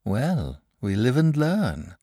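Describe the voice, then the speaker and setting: A man's voice: medium pitch, sing-song, slow, dark tone, no room sound, clean studio sound, voice pushed up, full character voice. A man doing a polite, weary young boy.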